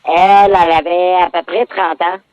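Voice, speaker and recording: A man's voice: sits high, flat delivery, measured pace, darkish tone, smooth, no room sound. A man calling in anonymously with his voice electronically modified to hide who he is. He speaks with a Québécois accent and talks hesitantly, drawing his words out. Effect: electronically modified voice to disguise him. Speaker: anonymous caller. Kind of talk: confession on a radio call-in. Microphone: phone line. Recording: muffled phone-in through a voice changer.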